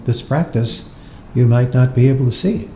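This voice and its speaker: A man's voice: medium pitch, moderate pace. A man interviewing a guest sympathetically, summing up what the guest has said. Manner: sympathetic, sums up the guest's words. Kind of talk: conversational interview. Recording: echoey room with faint noise.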